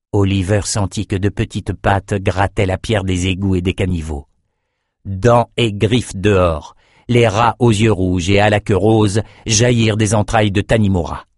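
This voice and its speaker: Low-voiced man narrating a fantasy tale. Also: dry recording, studio quality. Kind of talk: storybook narration.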